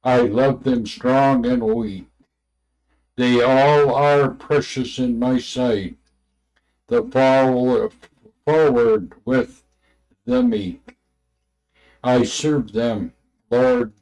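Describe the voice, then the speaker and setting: In a low-quality recording, a man reads from a religious book with asides, unrehearsed and extremely slow, breaking it into short halting bits and tripping over the wording. His medium-pitched, mid-range voice is expressive, gravelly and a little mellow.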